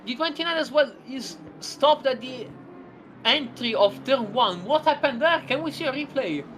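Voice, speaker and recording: Woman, race commentator, slightly high voice, chatty and excitable, noisy background. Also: moderate pace. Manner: chatty, rambling, excitable exclamations. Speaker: sim racing commentator.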